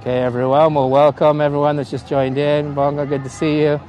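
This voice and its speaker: Holding a phone on a gimbal at arm's length, a middle-aged Canadian tour guide live-streams casually from a hilltop park outdoors, laughing often and greeting viewers by name. His Canadian-accented voice is fairly high-pitched, brisk, and a little mellow, with little pitch movement.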